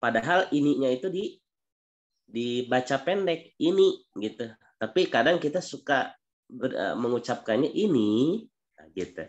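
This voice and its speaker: A man's voice: medium pitch, expressive, unhurried, pauses often. Male teacher, patient explainer, online class, muffled audio. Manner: patient explaining, repeats examples. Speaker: Arabic teacher.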